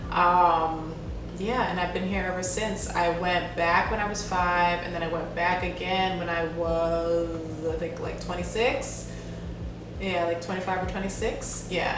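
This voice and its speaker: A woman in her twenties from Jamaica, chatting casually as a beauty vlogger answering viewer questions, with lots of "um" and "like". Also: lowish voice. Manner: chatty, friendly, with frequent "um" and "like". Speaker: beauty YouTuber. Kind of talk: casual Q&A vlog. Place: home in New Jersey. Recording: echoey room, mic at a distance, background noise.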